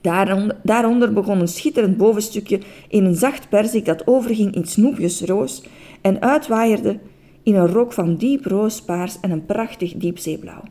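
A woman narrating a children's story aloud, expressive, with the odd slip and restart. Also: mid-range voice, a little slow. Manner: expressive, with occasional slips and restarts.

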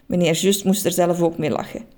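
A Flemish woman reading a children's story aloud, expressive and lively. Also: on the low side, brisk.

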